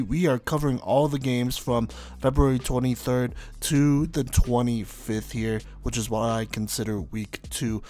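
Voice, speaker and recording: Hoarse, creaky American man hosting a sports podcast. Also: medium pitch, a little mellow, no room sound. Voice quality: creaky, vocal-fry-like rasp from a strained voice. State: hoarse, losing his voice. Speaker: podcast host. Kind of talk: sports recap podcast commentary.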